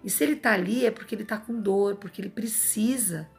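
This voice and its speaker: Speaking fairly quickly over soft background music, a Brazilian advice vlogger with a Brazilian Portuguese accent addresses viewers from a hospital. Her medium-pitched monologue is earnest and emphatic, full of rhetorical asides as she lectures.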